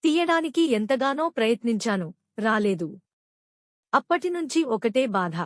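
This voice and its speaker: A woman's voice: fairly high pitch, animated, a little slow, no room sound, studio quality. A woman voicing a wounded male tiger in a storybook, pleading and weary.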